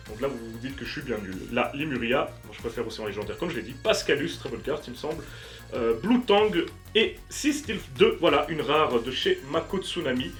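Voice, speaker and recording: A man's voice: medium pitch, lively intonation, fairly quick, fairly bright tone, faint music behind. A man casually commenting as he opens trading card packs on camera, chatty and joking, with frequent fillers and the odd crude word. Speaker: YouTuber opening card packs.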